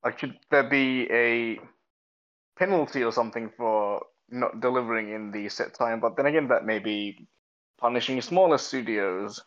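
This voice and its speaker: A man chatting casually on a gaming podcast, relaxed and a little wry. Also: medium pitch, moderate pace. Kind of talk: casual chat. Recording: dull lo-fi mic.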